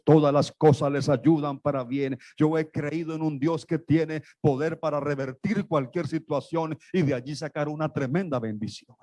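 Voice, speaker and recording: A man's voice: a little high, a little mellow, no room sound. A man pastor preaching a sermon, emphatic and repetitive, speaking straight to his congregation.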